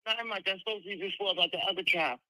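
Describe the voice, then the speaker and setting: Calm woman in her fifties calling in. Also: mid-range voice, fast, dry recording, poor audio. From New York City. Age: 50s. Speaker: caller. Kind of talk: phone-in chat.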